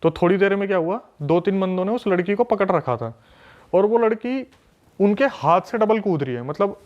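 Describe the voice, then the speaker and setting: Guy telling a ghost story, excited and repeats himself, kinda high voice, muffled lo-fi audio. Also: moderate pace. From a city. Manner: animated, repetitive, emphatic. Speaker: podcast guest. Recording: dull lo-fi recording.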